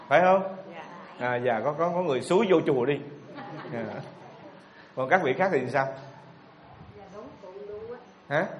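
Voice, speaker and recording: A man preaching a sermon, putting questions to the audience and repeating their answers back to them. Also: fairly high pitch. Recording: echoey hall with faint ambience.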